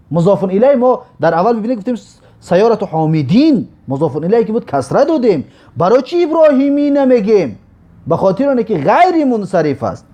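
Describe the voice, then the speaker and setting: Lively-pitched man teaching grammar slowly. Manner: explains step by step, repeats each example slowly. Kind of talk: recorded grammar lesson.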